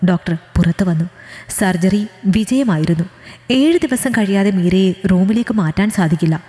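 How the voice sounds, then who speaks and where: A woman narrating a scripted story in a soft, earnest way. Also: mid-range voice, moderate pace. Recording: echoey room with long reverb.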